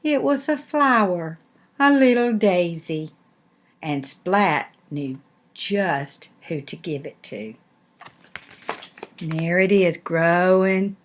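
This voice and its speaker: Slow-talking older Southern grandma reading a storybook. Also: female voice, on the low side, animated. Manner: grandmotherly, folksy, chatting to children. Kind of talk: picture-book read-aloud with chatty asides.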